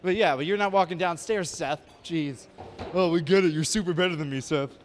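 A man's voice: a little high, a little fast, a little hiss or hum. A man in his thirties hosting a casual walking tour of a convention hall, joking and self-deprecating, talking into a handheld mic. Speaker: host. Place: large convention hall indoors.

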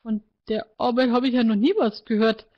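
A woman voicing an upset young woman in a book reading, agitated and shouting at high pitch. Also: steady tone, a little fast, dull audio, lightly acted. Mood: disbelieving. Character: upset young woman, rising from shy to furious. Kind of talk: author reading aloud.

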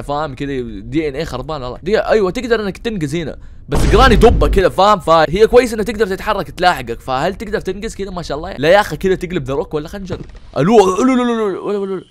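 A young man rattles through a let's-play at breakneck speed. His voice sits a little high, and he keeps up a stream of teasing jokes and excited outbursts aimed at the game. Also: rapid-fire, a little hiss or hum. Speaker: gaming channel host.

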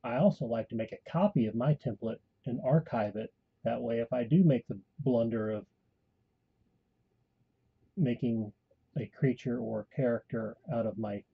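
A man calmly giving a step-by-step voice-over tutorial for a tabletop game tool. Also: medium pitch, slightly rough, muffled recording. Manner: calm step-by-step instruction. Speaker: tutorial host and game master. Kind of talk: screen-recorded software tutorial.

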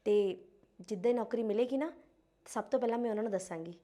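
A woman's voice: on the high side, fast talker, dark tone, lightly acted. A young woman acting as a polite, educated and patient helper in a family drama. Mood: soft. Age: young adult. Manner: polite, soothing, respectful.

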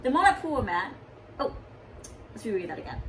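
A woman teacher reading a picture book aloud to young children, expressive and stopping to explain words. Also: on the high side, normal speed, slight background noise, rough recording. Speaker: kindergarten teacher.

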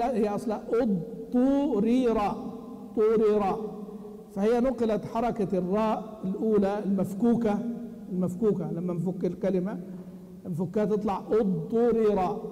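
A man teaching a recitation lesson, quizzing his students and chanting verses slowly. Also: sits high, steady tone, dark tone. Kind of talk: classroom lesson explaining a text. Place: large mosque hall. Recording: long hall reverb.

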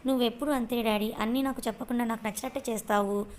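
Cast a woman as a playful young daughter, affectionate and teasing, higher voice. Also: steady tone, quick pace, darkish tone, slight background noise, lightly acted.

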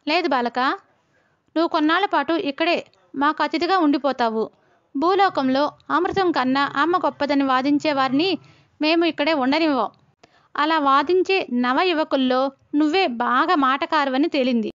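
A woman's voice: high voice, moderate pace, fairly bright tone, dry recording. A woman voicing a proud, immortal male king of the gods in a storybook tale, speaking in a lofty, firm way. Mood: haughty. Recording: dull lo-fi recording.

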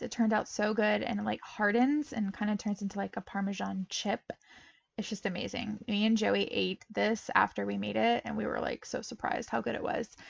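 In a dry recording with no room sound and the top end cut off, a young woman talks through preparing a meal at home. Her mid-range voice carries vocal fry, and her casual voice-over is bubbly and chatty, with frequent laughs between steps.

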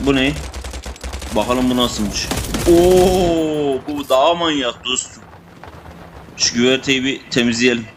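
Young male gamer, cursing and excitable, mid-range voice, loud gunfire under him. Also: mid-range voice, slow, long pauses, background noise. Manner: excitable, swears, talks to teammates and enemies. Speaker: gamer playing a shooter. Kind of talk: casual gameplay commentary. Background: gunfire and game sound effects.

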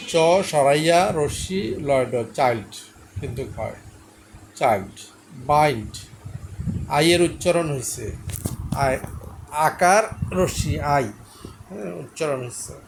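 A man with a slightly high voice teaches English pronunciation in a patient lesson. He spells out each letter and sound slowly and repeats every word. A faint hiss of noise sits under the recording.

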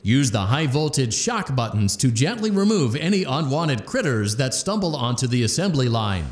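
A man voicing the calm, deadpan instructional announcer of an automated factory in a game. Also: medium pitch, normal speed, echoey room, lightly acted. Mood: instructive. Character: corporate training voice of an automated factory.

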